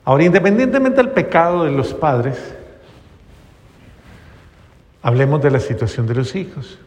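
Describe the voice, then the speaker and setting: A male priest giving a conversational sermon, often pausing and restarting, softening his voice when he retells what others told him. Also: on the high side, sing-song. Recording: long reverb.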